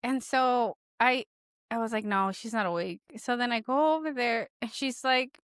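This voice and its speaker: Woman, thirties, higher voice, loose chatty podcast co-host, dry studio sound. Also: normal speed, a bit bright, clean tone, dry recording. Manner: laughs often, chatty storytelling. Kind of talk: casual chat.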